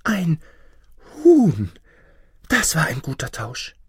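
A man's voice: mid-range voice, very animated, unhurried, darkish tone, no echo, clean studio sound, pitched above the performer's own voice. A man voicing a cheerful old farmer's wife who dotes on her husband, gushing and sing-song.

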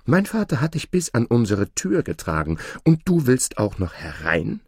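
A man's voice: mid-range voice, wildly swooping pitch, moderate pace, a little mellow, husky, dry recording, clean studio sound, exaggerated voice. A man reading a fairy tale, voicing a young girl who answers in an exasperated, emphatic way. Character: indignant young girl, kind at heart. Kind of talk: storybook reading.

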